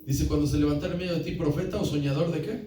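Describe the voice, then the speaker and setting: A man's voice: a little high, steady tone, very fast, dark tone, faint music behind. A man pastor preaching a sermon, often calling listeners brother and asking the congregation questions. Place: church hall. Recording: echoey church hall, from far off.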